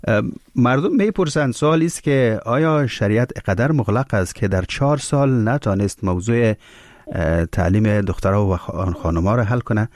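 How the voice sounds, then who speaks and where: A man hosting a radio interview, asking polite, probing questions with drawn-out hesitations. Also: fairly low pitch, darkish tone, no room sound, studio quality. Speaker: radio host.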